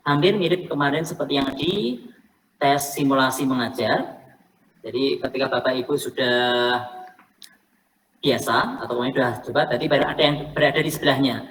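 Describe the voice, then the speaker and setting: Low-voiced woman coaching from a distance. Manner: explanatory, repeats key points, casual asides. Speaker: coach for teacher selection interviews. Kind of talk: online coaching session talk. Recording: faint noise, somewhat distant from the mic.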